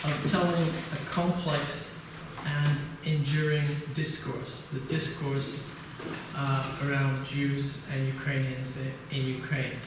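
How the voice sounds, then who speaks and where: A man's voice: medium pitch, level tone, slow pace. An older man from England giving an academic conference lecture, hesitant, with many uhs and restarts. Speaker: keynote lecturer. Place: conference hall. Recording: distant mic, echoey hall, noise.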